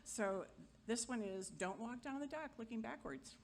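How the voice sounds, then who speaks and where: A middle-aged woman giving an informal memorial eulogy, chatty and wry, joking with the crowd and sometimes halting. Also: a little high, a little hiss or hum. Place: gathering hall at a memorial.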